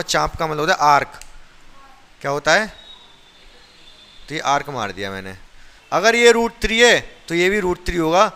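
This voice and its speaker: A man's voice: a little high, bright, forceful tone, clean tone. A man teaching a maths lesson in a classroom, who keeps asking his students questions and then answers them himself.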